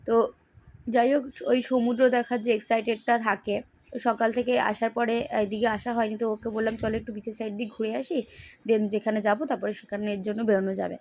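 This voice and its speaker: A woman's voice: on the high side, flat delivery, fairly quick, a little mellow. A woman narrating a casual travel vlog into her phone camera, chatting straight to her viewers. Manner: chatty, addresses viewers directly. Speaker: vlogger. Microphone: phone camera, selfie and back camera.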